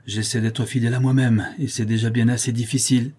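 A man reading aloud as a blunt, weary former naval commander who speaks firmly and plainly, in a husky voice. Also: medium pitch, little pitch movement, a little fast, a little mellow, lightly acted. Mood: grim, steady.

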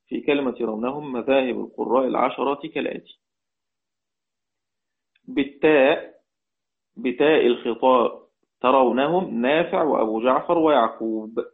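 Egyptian man teaching in tinny audio. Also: mid-range voice. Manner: explains step by step, asks the class questions and repeats key phrases. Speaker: Quran recitation teacher. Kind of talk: lecture on Quranic readings.

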